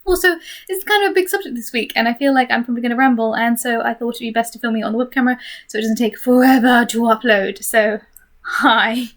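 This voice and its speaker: A woman's voice: on the high side, fast talker. A woman chatting candidly and hesitantly, thinking aloud in a casual, rambling vlog recorded on a webcam in her bedroom. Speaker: vlogger. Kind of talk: casual, rambling first-take video chat. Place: bedroom corner at home. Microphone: webcam microphone. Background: computer fan noise.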